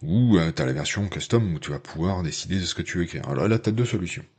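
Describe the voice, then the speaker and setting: Guy with a super low husky voice, casual tech tutorial, lots of ums, talks right to you. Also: expressive, fast talker, darkish tone. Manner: chatty, hesitant, many fillers; addresses viewer informally. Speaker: tech channel host. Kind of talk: casual screen-share tutorial.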